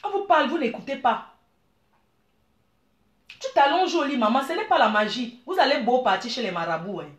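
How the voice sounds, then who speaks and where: A middle-aged woman from Cameroon, giving blunt, animated advice and calling her listeners dear. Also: high voice, normal speed, pauses often, echoey room. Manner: blunt, animated, calls listeners "maman" and "ma chérie". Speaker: business owner. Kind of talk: frank advice monologue.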